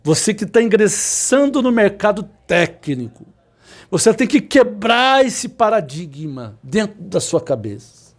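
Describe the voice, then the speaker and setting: An electronics instructor in his 50s gives a motivational talk to students in a high-sitting, darkish voice. He repeats his points and presses on them insistently, suddenly slowing to stress particular words.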